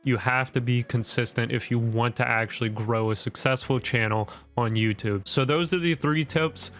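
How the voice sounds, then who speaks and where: A man's voice: mid-range voice, normal speed, fairly bright tone. A man hosting a YouTube tutorial with wired, over-caffeinated enthusiasm, speaking emphatically in punchy phrases and rhetorical questions. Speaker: YouTube content creator and host. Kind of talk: direct-to-camera tutorial, scripted vlog. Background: background music.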